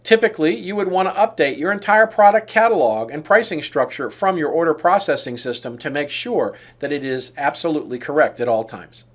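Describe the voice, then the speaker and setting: A man whose voice is a little high gives scripted software training narration. He explains in a measured way, listing items one after another.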